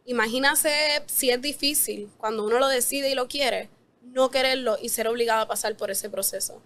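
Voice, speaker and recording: A woman's voice: on the high side, moderate pace, fairly bright tone. A woman, a podcast guest, making a firm and articulate argument. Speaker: guest advocate. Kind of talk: argumentative interview answer.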